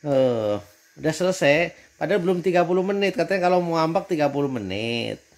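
A man's voice: fairly high pitch, expressive, fairly quick. A man, a father playfully teasing his daughter in a casual family vlog, laughing often.

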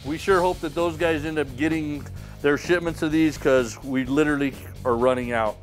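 A middle-aged man hosting a membership sweepstakes drawing, talking in a folksy, upbeat way as he reads out winners and their towns in a wood-paneled room. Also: on the high side. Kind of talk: casual announcing to camera.

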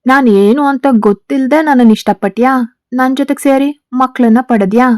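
A woman's voice: high-pitched, normal speed, darkish tone, no room sound, clean studio sound, natural voice. A woman voicing an arrogant, teasing male gang boss who is a wounded husband, in a spoken story. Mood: domineering.

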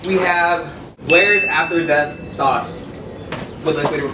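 Young male host, high voice, casual group chat, roomy and distant with clear background noise. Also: steady tone, takes it slowly. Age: young adult. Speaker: challenge host. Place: outdoor patio table, group before camera. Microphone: far camera.

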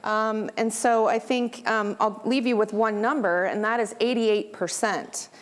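A woman's voice: on the high side, fairly even intonation, unhurried. Impassioned woman union advocate. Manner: passionate, rallying, uses rhetorical questions. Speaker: union leader on a panel. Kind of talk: panel discussion. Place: conference event room.

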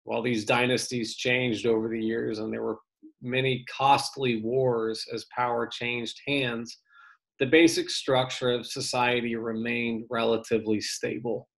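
A male teacher reading an article aloud to his students for an online lesson, steady and plain with brief casual asides. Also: mid-range voice, measured pace, creaky.

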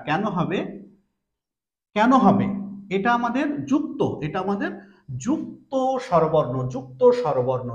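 Lively, high-pitched male language teacher. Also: echoey room. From Bangladesh. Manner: repeats each point twice, explaining by asking and answering. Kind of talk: language lesson.

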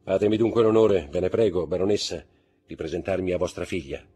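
A man's voice: sits low, brisk, warm tone, slightly rough, soft background music. A man reading aloud and voicing a composed, courteous and mysterious wealthy count who answers with polite restraint. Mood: courteous, gracious.

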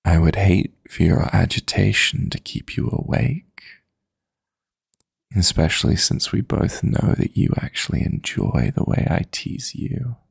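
In intimate sleep-aid roleplay audio, a man voices a possessive, teasing dream demon lover. His voice is gravelly, breathy, and low-pitched, coaxing softly and deliberately in an animated, heavily acted performance.

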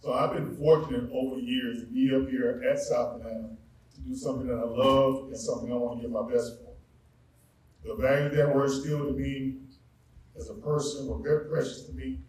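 A coach giving a plain, relaxed thank-you speech from quick notes at a school ceremony. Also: male voice, medium pitch. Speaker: athletic director and coach. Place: school gathering space with a live audience. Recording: echoey room, voice from far off.

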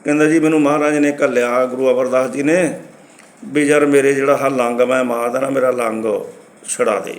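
Man, preacher, storytelling sermon, acts out dialogue, mid-pitched voice. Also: a little fast. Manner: lively storyteller acting out dialogue. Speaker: Sikh preacher.

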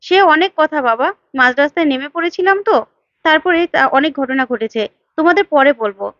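A woman's voice: high voice, lively intonation, brisk, fairly bright tone, no room sound, dull audio. A woman voicing an evasive young woman reassuring her parents. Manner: evasive, soothing.

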